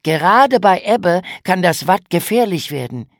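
A woman's voice: lowish voice, expressive, unhurried, no echo, studio quality, voice pushed up. A woman voicing a cautious boy who warns his sister, in a raised, urgent voice. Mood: worried. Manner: worried, warning. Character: boy, cautious older brother.

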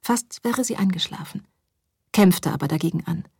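Woman, audiobook narration, calm, measured, hushed, husky, dry. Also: on the low side, no room sound.

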